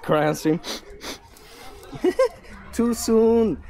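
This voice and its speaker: A man's voice: sits high, drawn-out words, dark tone. A man live-streaming outdoors while walking his dog, chatting casually with viewers in a giggly, teasing way.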